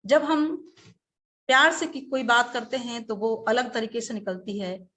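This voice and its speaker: A woman teacher giving a webinar lecture, speaking slowly and deliberately, now and then acting out short examples. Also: a little high, expressive, a bit bright.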